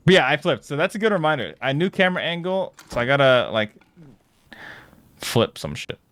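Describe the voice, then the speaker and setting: A man streaming a horror game, chatting live, easily scared and quick to swear. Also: a little high, sing-song, a bit bright. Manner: swears freely.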